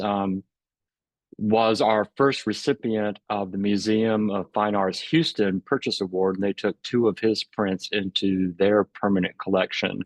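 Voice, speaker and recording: A low-pitched man moderates an artist talk over a video call, chatty and quick to laugh. His speech is loose and full of filler words. The sound is dry and close, with no room around it. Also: no echo. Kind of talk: casual presenting.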